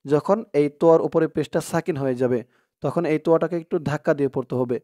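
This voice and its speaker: A man with a Bangladeshi Bengali accent teaching Quran reading, spelling out letters and drawing out chanted words slowly. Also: fairly high pitch, mellow, no echo, studio quality. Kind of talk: slow recitation lesson.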